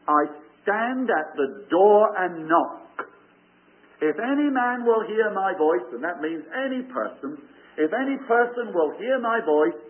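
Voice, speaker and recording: A British man preaching a sermon on the radio, earnest and plain-spoken, acting out doubters' voices in asides. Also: sits high. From Great Britain. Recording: narrow phone-like radio broadcast.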